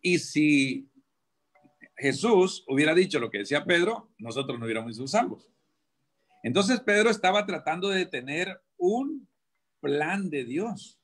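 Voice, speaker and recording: A man's voice: on the high side, sing-song, measured pace, breathy edge. A man, a prison preacher, talking through his faith on a radio show with many rhetorical questions and restarts. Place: radio studio.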